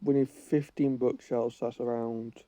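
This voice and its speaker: Dull, dry audio captures a gaming channel host with a cold, his voice going, as he rambles and thinks aloud over gameplay, correcting himself along the way. His medium-pitched voice is mellow and level, at a measured pace.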